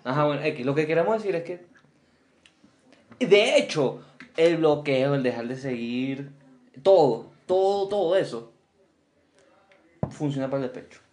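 A young man with a Venezuelan accent co-hosting a podcast in casual chat. He is slangy and quick to chime in. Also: a little high, lively intonation, a little mellow. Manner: slangy, laughs easily, chimes in. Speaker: podcast co-host. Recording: roomy echo.

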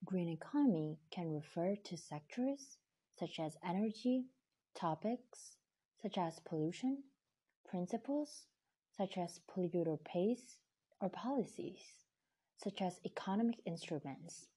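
A woman from Indonesia giving a scripted explainer, reading in a steady, earnest tone with breathy stretches. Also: fairly low pitch, measured pace. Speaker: presenter.

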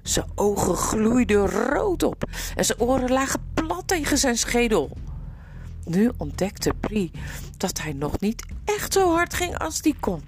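A woman reading a children's adventure story aloud in an expressive, dramatic way, in a noisy recording. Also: fairly high pitch, slow. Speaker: narrator.

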